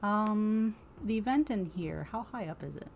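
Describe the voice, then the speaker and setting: A woman's voice: mid-range voice, expressive, unhurried, vocal fry, a little mellow, highs cut off, a little hiss or hum. A woman playing in a tabletop game, chatting casually and thinking aloud as she plans her character's moves. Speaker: player.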